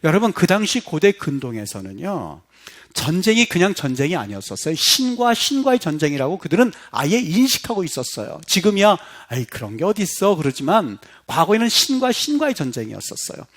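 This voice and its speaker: A middle-aged male pastor preaching a sermon in a church, impassioned and acting out the voices he quotes, climbing to loud, emphatic peaks. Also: fairly high pitch, big pitch swings, a little fast. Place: church sanctuary.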